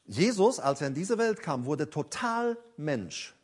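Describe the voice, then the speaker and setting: A man preaching a sermon in a church service, fervent, swinging between loud emphasis and soft near-whispers. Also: on the high side, sing-song, measured pace, slightly rough. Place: church during a worship service.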